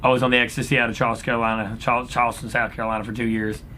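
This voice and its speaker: A man's voice: little pitch movement, racing, sharp tone. A man speaking as an upbeat, folksy cruise director, casually answering questions in a laid-back chat. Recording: clear background noise with low rumble.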